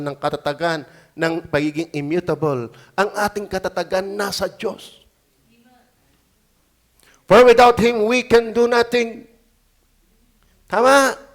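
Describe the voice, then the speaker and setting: A man with a notably high voice preaches a sermon in a church, pleading and then shouting his points. He stops often to ask the congregation "Amen?" and reads scripture in English slowly and deliberately. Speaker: pastor. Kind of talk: sermon at a prayer meeting.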